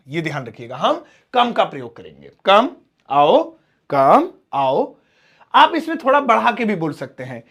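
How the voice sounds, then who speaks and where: A young man with a high-pitched, somewhat bright voice gives a spoken English lesson in Hindi. He explains simple English, repeating key words and acting out everyday examples.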